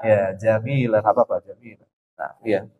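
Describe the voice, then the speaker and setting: A man teaching a Quran recitation class in a mosque, repeating letter sounds slowly to show how they are said. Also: fairly low pitch, steady tone, phone-quality sound. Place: mosque study session.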